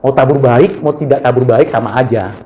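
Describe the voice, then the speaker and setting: In a sermon delivered at medium pitch and a slightly fast pace, a middle-aged Indonesian preacher and university lecturer shares stories from his own life. His storytelling is animated, and he acts out the voices of those he quotes.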